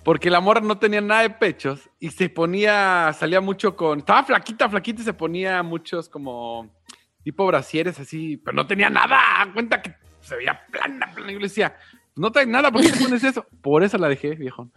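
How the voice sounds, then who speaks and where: A man's voice: sits high, animated, fairly quick, vocal fry, pushed and bright, soft background music. A man, a radio co-host telling a slangy, self-mocking story. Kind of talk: casual radio chat.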